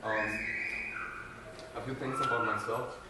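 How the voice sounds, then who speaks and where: A young adult man with a lowish voice speaks at a measured pace and with flat delivery as he shares his faith testimony as a Guatemalan student, earnest and hesitant, with plenty of fillers and restarts. The recording is very noisy, taken from afar without a mic in a large, echoey room before an audience.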